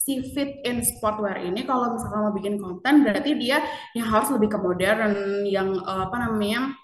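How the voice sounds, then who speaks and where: A woman's voice: medium pitch, moderate pace, reverberant, recorded from a distance. A woman presenting a casual marketing lecture, chatty, often asking the audience questions.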